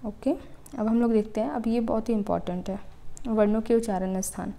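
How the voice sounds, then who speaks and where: Teacher lady going through letters one by one, soft mellow tone, keeps saying theek hai. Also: fairly high pitch, fairly even intonation, vocal fry. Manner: explains step by step, repeating "ठीक है" to check understanding; sounds out letters slowly for pronunciation. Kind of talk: exam-prep Hindi grammar lesson.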